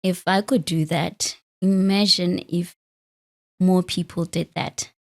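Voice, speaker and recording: Speaking slowly in a low, steady voice, a woman in her late thirties hosts a podcast interview with an open, conversational feel. She comes from the Free State in South Africa, laughs readily, and leans on self-deprecating humor.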